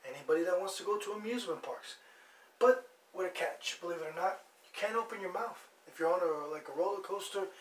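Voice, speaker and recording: A man hosting a blunt, rambling news monologue, mocking as he goes. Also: a little high. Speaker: host. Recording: echoey room, distant mic, faint noise.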